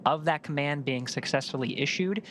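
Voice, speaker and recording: A man giving live launch commentary in a measured, halting, explanatory way. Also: on the high side, a bit bright. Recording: faint background noise.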